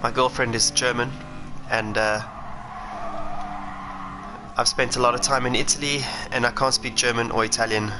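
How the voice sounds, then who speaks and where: Speaking at a moderate pace with long pauses, this South African racing driver has a mid-range voice and fairly even intonation. He chats and thinks aloud during a sim racing stream, game engine noise and racing car sounds running beneath.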